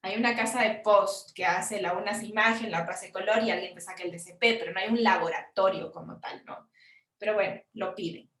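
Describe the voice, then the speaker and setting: A woman's voice: medium pitch, steady tone, fairly bright tone. Chilean woman producer, roomy and distant. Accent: Chilean Spanish. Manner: frank, conversational, quick asides. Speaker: film producer leading a funding workshop. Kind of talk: explaining in a workshop.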